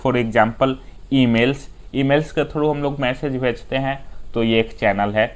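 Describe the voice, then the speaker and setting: A man with an Indian English accent gives an exam-prep lesson as a tutor. He speaks very slowly and deliberately, often starting a point with "dekhiye". His voice sits in an ordinary middle pitch. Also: fairly even intonation. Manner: unhurried explainer who often starts with "dekhiye". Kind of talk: exam-prep lecture, reading English points slowly then explaining in Hindi.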